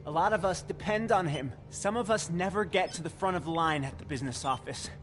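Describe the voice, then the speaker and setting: A man's voice: on the high side, fairly quick, fairly bright tone, faint music behind, close to an everyday voice. An actor playing a humble, anxious young doorman in a video game, polite and pleading in manner. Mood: earnest, defensive.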